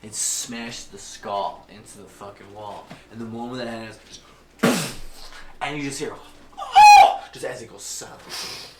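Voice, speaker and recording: A man's voice: lowish voice, normal speed, heavy background noise. A man narrating a tabletop game as game master, casual and profane, with vivid gory descriptions. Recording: roomy echo.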